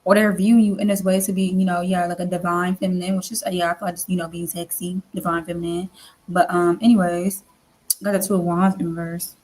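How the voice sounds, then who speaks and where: A woman's voice: on the low side, little pitch movement, quick pace, darkish tone. A woman giving a casual tarot reading, rambling and repeating herself, with lots of fillers and the odd casual swear. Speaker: tarot reader.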